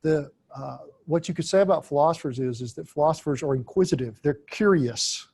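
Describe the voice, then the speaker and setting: A man lecturing on philosophy in an unscripted way, deliberate and halting, with frequent "uh" fillers and key phrases repeated for emphasis. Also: a little high, darkish tone, slightly rough.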